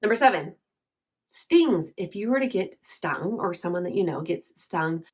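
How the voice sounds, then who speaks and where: A woman in her thirties talks through home tips in a casual, earnest way. Her voice sits a little low, and she rambles, circling back to find the right word. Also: expressive, normal speed, darkish tone, husky. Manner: chatty, earnest, hunts for words with filler. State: briefly teary. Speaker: essential oils seller. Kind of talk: casual how-to chat.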